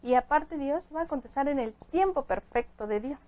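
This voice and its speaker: A woman giving calm, explanatory spiritual advice about angels as a guest on a chat show. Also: sits high, normal speed, rough recording. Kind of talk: casual chat.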